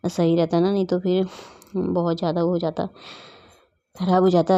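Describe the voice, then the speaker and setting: A woman's voice: lowish voice, creaky, dark tone, lo-fi sound. A middle-aged woman narrating her daily routine in a casual vlog voice-over, chatty and rambling with many fillers and restarts. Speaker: vlogger.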